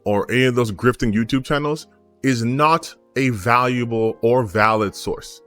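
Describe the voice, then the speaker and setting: Here the same kind of unscripted rant comes from an American man who hosts a gaming channel: he's emphatic and blunt, throws out rhetorical questions, and swears offhandedly. His medium-pitched voice is a little slow and slightly bright, with faint music behind it.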